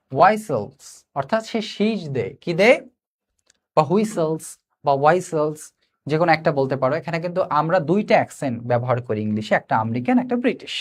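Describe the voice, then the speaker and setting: A male English teacher with a Bangladeshi accent giving a live online class. He asks the students quick questions, answers them himself and slows down to read English lines word by word. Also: on the high side. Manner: addresses students directly, invites comments.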